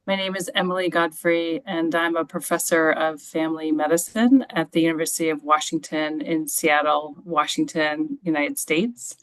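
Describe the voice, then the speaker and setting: A woman introduces herself over a video call with warmth and enthusiasm. Her voice sits slightly low, and she uses ums along the way. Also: steady tone, normal speed, hardly any pauses, low-quality recording. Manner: warm, enthusiastic, with fillers. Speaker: family medicine professor.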